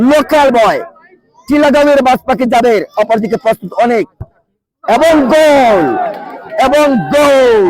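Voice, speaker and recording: High-voiced man calling a penalty shootout. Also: low-quality recording. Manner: shouts on goals, repeats names and nicknames. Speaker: football commentator. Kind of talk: live sports commentary. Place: outdoor local football ground.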